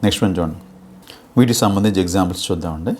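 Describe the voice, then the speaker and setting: Racing along in a low, slightly mellow voice, a Telugu-accented man teaches English grammar for a teacher exam. He explains patiently and often checks in with "okay?" during this exam-prep lecture in Telugu with English terms.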